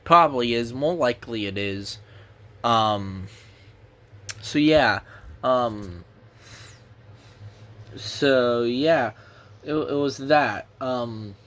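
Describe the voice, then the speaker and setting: A man's voice: medium pitch, very slow, long pauses, a bit bright. A young man with a sore throat gives a casual, rambling movie review, restarting his sentences and swearing now and then.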